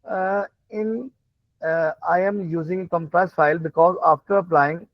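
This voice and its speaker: In dull, lo-fi call audio with no room sound, a high-pitched man with a steady tone leads a live online class. English isn't his first language, and he explains haltingly and repetitively while demonstrating on screen, frequently checking in with listeners.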